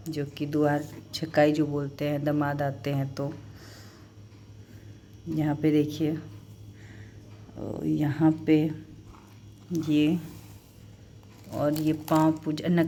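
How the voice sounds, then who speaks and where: A young woman vlogger talking casually and emotionally as she shows wedding photos, speaking softly and haltingly at home. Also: low voice, slight background noise. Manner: soft-spoken, halting and emotional. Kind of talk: casual vlog chat showing a wedding album.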